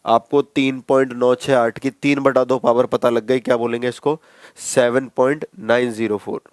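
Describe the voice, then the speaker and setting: In a classroom maths lecture, a man with a mid-range, steady voice speaks at a moderate pace with no echo. He walks students through each step conversationally, repeating himself and addressing them as bhai.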